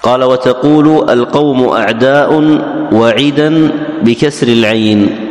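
A man reading a classical Arabic grammar text aloud in steady recitation for the teacher. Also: medium pitch, a little slow, slight background noise. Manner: steady recitation, opens each passage with "he said". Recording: roomy hall with long reverb.

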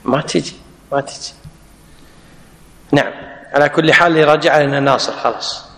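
Kuwaiti male teacher, high pitched, dictating a grammar lesson, echoey room with long reverb. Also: normal speed, bright, forceful tone. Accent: Kuwaiti Arabic. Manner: dictating, repeating word forms for students. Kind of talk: classical Arabic grammar lesson.

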